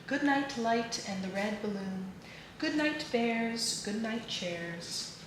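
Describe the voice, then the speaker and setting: A woman reading children's picture books and poems aloud in an expressive, sing-song way. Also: a little high, takes it slowly. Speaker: children's book reader. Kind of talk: read-aloud storytelling for children. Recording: echoey room with clear background noise.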